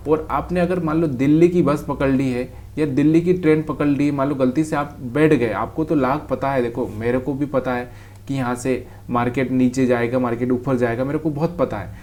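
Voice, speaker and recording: A man's voice: mid-range voice, normal speed, darkish tone. A man teaches trading over a chart in a casual, direct way, calling the viewer brother. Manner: talks straight to the viewer, calls them brother.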